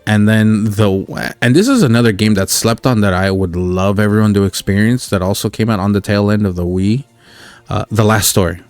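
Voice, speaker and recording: A man with a fairly low voice talks loosely about games he missed, trailing off and restarting his sentences. The sound is close and dry, with faint music underneath. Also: moderate pace, no echo. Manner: rambling, many fillers and restarts. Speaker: podcast co-host. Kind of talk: casual chat about video games.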